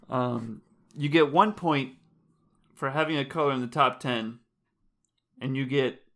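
A man's voice: mid-range voice, fairly bright tone. Bumbling male game-show host, as a man puts him on; filler-heavy, self-amused. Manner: hesitant, filler-heavy, laughing at himself. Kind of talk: mock game-show hosting.

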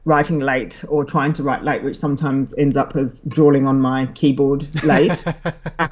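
A guest author with a London accent and a slight Australian twang chats casually on a podcast late at night from her home in Sydney. Her voice is bass-deep with lively intonation and a measured pace, and she laughs easily between her ums.

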